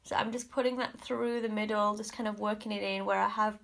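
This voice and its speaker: Brisk and steady, her mid-range voice has vocal fry and a fairly bright tone. The Australian woman, in her thirties and sounding congested, is a beauty vlogger reviewing makeup at her indoor home vanity with mirror lights, frank and chatty, often saying "like" and "kind of."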